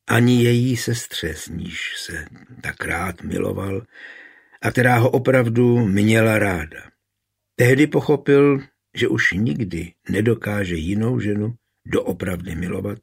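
Husky, low-voiced male audiobook narrator.

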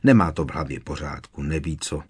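A man voicing a shy, sensible young girl who speaks timidly and softly, in an audiobook. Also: rumbling low, slightly rough, voice pushed down, full character voice. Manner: timid and soft.

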